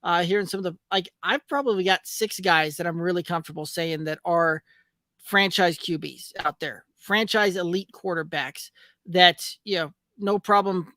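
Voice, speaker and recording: A man's voice: high voice, normal speed, sharp tone, dry recording, clean studio sound. A man co-hosting a casual fantasy football podcast, talking in a rambling, hesitant way with many fillers, heard over a glitchy, digitized internet call. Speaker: podcast co-host. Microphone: remote call over internet.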